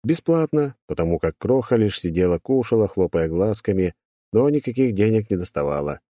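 A man's voice: lowish voice, sing-song, brisk, dark tone, dry recording, studio quality. A man narrating a first-person audiobook in a wry, sardonic storytelling manner.

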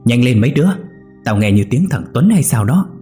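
A man's voice: fairly low pitch, fairly quick, darkish tone, soft background music, natural voice. A man voicing an old village man, urgent and fatherly.

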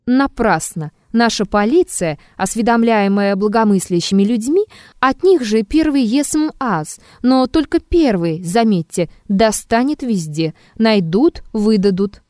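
A woman's voice: fairly high pitch, animated, a little slow, a little mellow, dry recording, clean studio sound. A woman voicing an insolent, mocking male blackmailer in an audiobook, talking rudely and with a sneer. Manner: sneering and rude.

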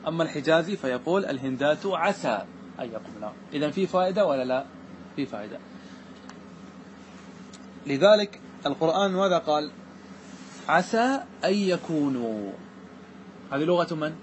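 A man teaching a grammar lesson, often asking his students questions and answering them himself, and reciting examples slowly. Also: on the high side, a little hiss or hum, poor audio.

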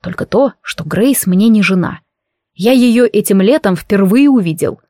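A woman's voice: medium pitch, lively intonation, a little slow, warm tone, no room sound, studio quality, lightly acted. Woman voicing a teasing, possessive ancient warlock king. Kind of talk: audiobook character reading.

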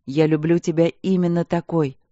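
A woman voicing a calm, protective husband who speaks steadily and reassuringly. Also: low voice, normal speed, no room sound, highs cut off, natural voice.

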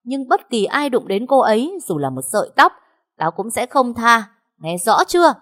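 A woman's voice: medium pitch, very animated, quick pace. A woman voicing a cold, domineering young husband who speaks harshly and gives orders. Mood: angry. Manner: harsh, commanding.

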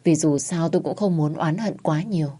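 A woman's voice: low-pitched, a little fast, warm tone, slightly rough. A young woman narrating a dramatic first-person story with emotive delivery.

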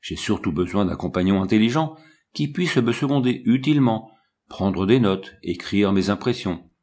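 A man reading an audiobook, voicing a small, proud old scientist who speaks calmly and gravely. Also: fairly low pitch, moderate pace. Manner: grave, composed, explaining. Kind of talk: audiobook character voice.

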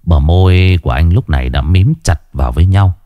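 A man's voice: sits low, fairly quick, no room sound, muffled recording. A man telling a horror story in a dramatic, shifting narration.

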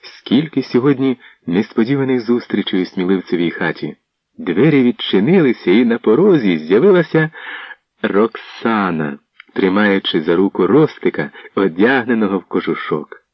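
A man's voice: lowish voice, expressive, normal speed, slightly rough, no room sound. A man narrating a historical novel as an audiobook, telling the story steadily. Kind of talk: scripted narration. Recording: dull lo-fi recording.

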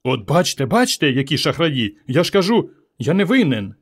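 A man's voice: a little high, big pitch swings, moderate pace, slightly rough, pitched above the performer's own voice, exaggerated voice. A man voicing a cowardly, complaining male caretaker in a storybook reading, with a plaintive, tearful manner. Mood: gloating.

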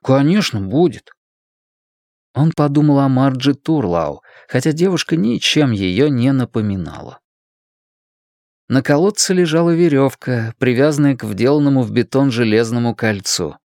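A mid-range male voice reads an audiobook script, storytelling in an expressive yet measured way. It's studio quality with no room sound at all.

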